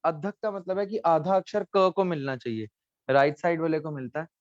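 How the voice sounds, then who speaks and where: A man teaches his students over a video call. He says each word again and again and keeps asking them to answer. His voice sits a little high, and the sound is dry and muffled. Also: dry recording. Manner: repeats words slowly, quizzes students. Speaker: language teacher. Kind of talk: online class teaching. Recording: dull lo-fi sound.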